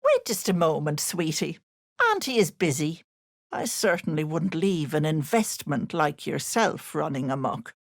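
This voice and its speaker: A woman's voice: deep voice, very animated, unhurried, vocal fry, dry recording, clean studio sound, heavily acted. A woman playing a sly, wicked old hag in a video game, posing as a sweet auntie, with cloying endearments laid over gloating menace. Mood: syrupy teasing. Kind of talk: video game character voice acting.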